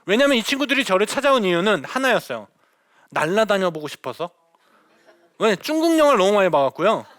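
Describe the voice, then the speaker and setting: A middle-aged man, a missionary, telling stories to an audience in a lively lecture, acting out the dialogue. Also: high-pitched, brisk, no room sound. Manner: animated storyteller, acts out quoted dialogue.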